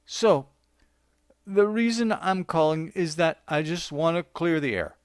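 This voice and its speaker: A man voicing a drunk, freshly fired office worker who slurs and rambles haltingly. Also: on the high side, expressive, dry recording, clean studio sound, voice pushed up. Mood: drunkenly rambling. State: drunk, slurring.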